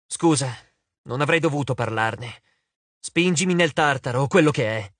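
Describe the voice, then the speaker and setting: A man's voice: mid-range voice, moderate pace, a bit bright, dry recording, close to an everyday voice. A man voicing a clever, determined teenage girl for a storybook, talking in a coaxing, persuasive way.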